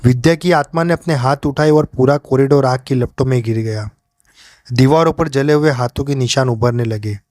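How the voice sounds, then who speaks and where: A man narrating a horror story in a steady, dramatic way. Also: medium pitch, normal speed, no echo, studio quality.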